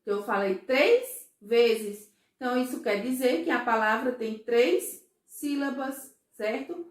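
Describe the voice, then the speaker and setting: A woman teaching a first-grade class, explaining slowly and patiently, often checking that the children follow. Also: on the high side, animated, roomy sound. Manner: slow, patient, syllable-by-syllable explaining; frequent checking questions to pupils. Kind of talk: recorded remote class for children.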